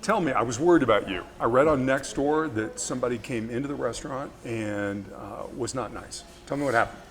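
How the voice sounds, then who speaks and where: A man interviewing a local business owner on camera, friendly and supportive, asking quick follow-up questions. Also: medium pitch.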